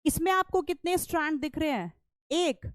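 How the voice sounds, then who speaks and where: A woman teacher giving an online lecture, explaining step by step, asking questions and answering them herself, speaking softly and chatting with her students. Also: high-pitched, normal speed, no echo. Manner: chatty, calls students "beta"; soft-spoken, won't shout.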